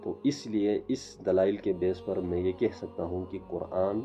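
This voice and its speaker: A man giving an informal religious lecture for his online channel, speaking haltingly with many fillers and restarts. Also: deep voice, fairly even intonation, warm tone, highs cut off, faint music behind. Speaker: self-taught religious lecturer.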